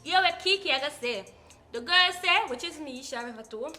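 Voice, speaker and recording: Sassy, sarcastic high-voiced Jamaican woman. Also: expressive, fairly quick, sharp tone. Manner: sassy, sarcastic retorts to read-out comments. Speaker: co-host of a YouTube reaction video. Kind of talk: casual comment-reading banter.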